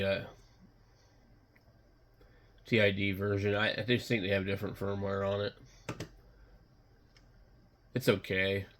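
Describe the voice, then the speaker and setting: Male hobbyist vlogger, sick, unhurried and gravelly, rambling bluntly off the cuff while browsing. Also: fairly low pitch, a bit bright. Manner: muttering, unscripted, halting, blunt. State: sick, occasional coughing and throat clearing. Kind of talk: casual rambling commentary while browsing online.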